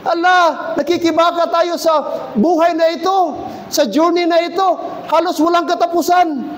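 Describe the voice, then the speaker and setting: Pastor guy preaching loud n fervent, really high voice for a man, church hall echo with a little noise behind. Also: fairly even intonation, normal speed, a faint crowd. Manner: impassioned, often shouting, mixes English into Filipino, calls out to the congregation. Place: church service.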